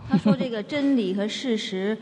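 A woman's voice: mid-range voice, normal speed, crowd noise. A woman reads out written questions for a spiritual teacher in a question-and-answer session. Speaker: question reader for the audience. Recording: echoey hall with long reverb.

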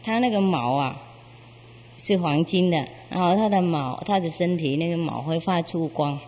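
A woman telling a spiritual parable in a casual, meandering way with many fillers and soft chuckles. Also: on the low side, moderate pace. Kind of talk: casual storytelling. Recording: long hall reverb.

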